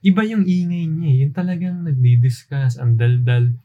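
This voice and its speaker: A man co-hosting a casual podcast, relaxed and laughing often while telling anecdotes. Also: a little high, moderate pace, phone-quality sound. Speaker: podcast co-host. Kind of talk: casual storytelling chat.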